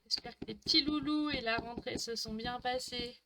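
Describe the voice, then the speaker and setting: A woman's voice: fairly high pitch, fairly even intonation, normal speed, background noise. A woman hosting a live crafting stream from home, chatting to viewers by name as she works and laughing at her own slips. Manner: chatty, talks to viewers by name, self-mocking. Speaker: crafting livestream host. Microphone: desk mic.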